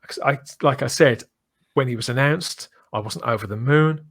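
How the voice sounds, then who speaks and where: A middle-aged podcast host with a mid-pitched voice chats casually like one fan to another. He speaks at normal speed, effusive and emphatic, wandering from point to point with enthusiasm.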